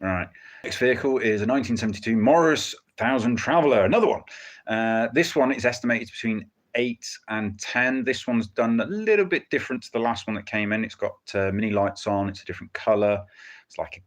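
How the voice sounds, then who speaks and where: A man's voice: lowish voice, animated, fairly quick. A man hosting a livestream with casual, rambling live commentary and a dry, joking, hesitant delivery. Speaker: livestream host commenting on a car auction.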